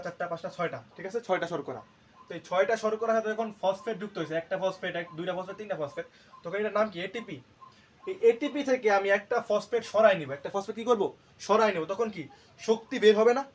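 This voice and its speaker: A man's voice: high-pitched, slight background noise. A male teacher giving a classroom lecture, asking questions and answering them himself and repeating key terms to drill them. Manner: asks and answers his own questions.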